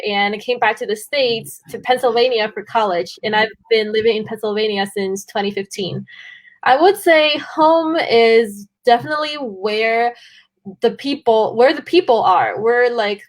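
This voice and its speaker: A woman in her twenties from China, a podcast guest talking casually and laughing often. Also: on the high side. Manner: relaxed, laughs often, fillers like "like". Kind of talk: casual interview chat.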